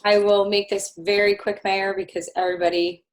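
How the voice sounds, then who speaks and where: A woman's voice: mid-range voice, level tone, a little fast. A woman council member giving a brief, light-hearted report over a video call.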